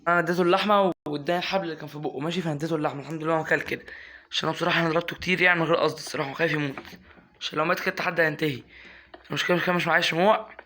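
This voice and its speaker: Young Egyptian man, gaming commentary, quick and slightly high, chatty and exasperated with his pet. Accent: Egyptian Arabic. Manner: chatty, coaxing and scolding his in-game pet, flaring into excited yelps. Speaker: gaming YouTuber. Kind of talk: casual gameplay commentary.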